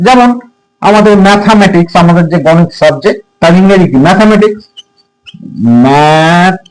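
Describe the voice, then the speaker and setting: Guy with a high voice giving a lesson, patient, keeps repeating and quizzing you. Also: fast talker, poor audio. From Bengal. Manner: patient, repetitive, quizzing the listener. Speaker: English teacher. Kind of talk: lesson explaining syllables.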